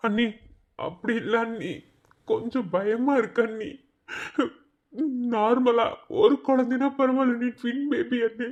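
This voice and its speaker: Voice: mid-range voice, fairly even intonation, measured pace, long pauses, a little mellow, dull audio, lightly acted. A voice actor playing a worried young male relative who politely and hesitantly questions a doctor. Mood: anxious. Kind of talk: cartoon voice acting.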